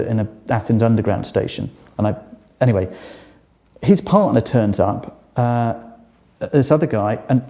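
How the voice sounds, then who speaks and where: A British man in an interview recounts his own experience, his voice very dark and mellow at a middle pitch. He speaks in an animated, rambling way, full of fillers and restarts. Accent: British English. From Britain. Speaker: journalist. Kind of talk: interview, personal story.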